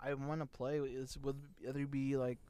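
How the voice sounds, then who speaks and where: A man's voice: medium pitch, flat delivery, moderate pace, warm tone, smooth, no echo. Laughing young man on a podcast. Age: young adult. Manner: laughs often, loose rambling talk with many fillers. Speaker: podcast co-host. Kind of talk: casual podcast chat.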